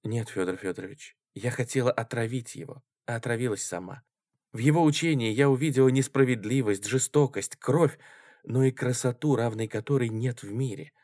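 A man reading an audiobook, voicing a passionate, devout and defiant young woman in a quiet, intense way. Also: mid-range voice, a little fast, no room sound, studio quality, close to an everyday voice. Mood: brooding.

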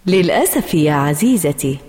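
A woman voicing a patient mother who questions her daughter slowly, with a long hall reverb on the recording. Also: sits low, big pitch swings, a little mellow, pitched below the performer's own voice. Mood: teasing. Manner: slow, questioning.

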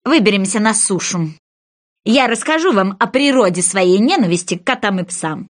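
A woman voicing a touchy, indignant mouse that is proud and easily offended, speaking slowly and with huffy emphasis. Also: mid-range voice, animated, lightly acted. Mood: shaky.

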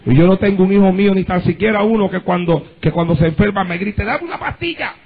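A male pastor delivers a fervent sermon in a high, gravelly voice with a husky edge, breaking into cries of praise and climbing into impassioned shouting. The recording is dull and lo-fi. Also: steady tone, fast talker. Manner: fervent preaching with frequent praise interjections.

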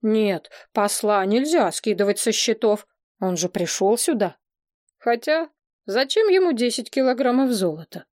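A woman's voice: fairly high pitch, expressive, measured pace, a little mellow, dry recording, studio quality. A woman voicing a sensible talking dragon who reasons things through in a matter-of-fact way. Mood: thoughtful.

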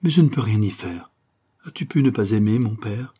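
A man's voice: fairly low pitch, expressive, moderate pace, mellow, breathy edge. A man reading an audiobook voices a young woman torn by love, with a trembling, plaintive delivery. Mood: earnest.

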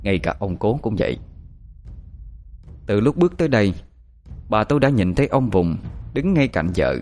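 A man narrating a story in a steady, measured way. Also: lowish voice, faint music behind.

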